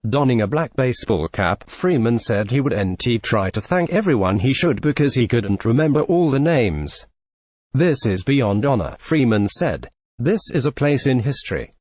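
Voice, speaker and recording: Male news narrator, scripted report, even delivery, mid-pitched voice, dry close sound. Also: normal speed, no room sound.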